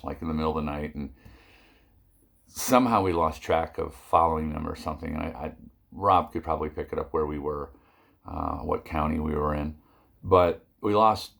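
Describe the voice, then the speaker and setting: A man's voice: rumbling low, vocal fry. An older man telling a rambling personal story in a casual vlog, with many fillers and asides.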